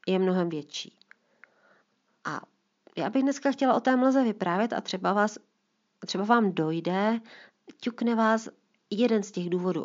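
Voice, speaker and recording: A woman's voice: mid-range voice, dull audio. A woman author talking about her book and reading from it aloud, chatty and explaining. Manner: chatty, explaining, lively emphasis. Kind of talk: storytelling talk and reading aloud.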